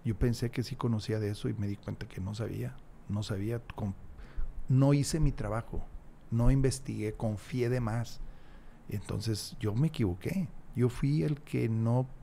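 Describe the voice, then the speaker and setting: A gravelly, dark-toned man in his sixties, speaking as a podcast guest. He talks in a reflective yet emphatic way, often restarting his sentences, close on a desk mic in a small studio. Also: medium pitch, moderate pace, a little hiss or hum. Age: 60s. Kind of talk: casual interview chat. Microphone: large desk mic, headphones.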